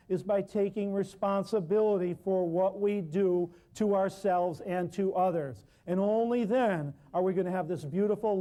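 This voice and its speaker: A natural healing teacher with a high voice lectures a live workshop class. He's loud, emphatic and folksy, repeatedly running through lists of words.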